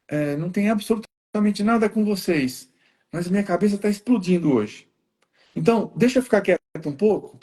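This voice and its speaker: A man's voice: high-pitched, a little mellow. A man, a guest on a faith-based talk, giving earnest family advice and acting out little quotes.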